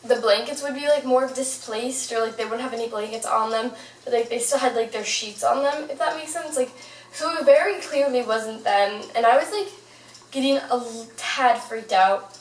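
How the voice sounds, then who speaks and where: A woman's voice: a little high, normal speed. A young woman telling a personal story in a casual, chatty, informal way, as a vlogger to her viewers. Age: young adult. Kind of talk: casual storytime, paranormal anecdote. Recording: roomy, distant mic, fan noise. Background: whirring fan.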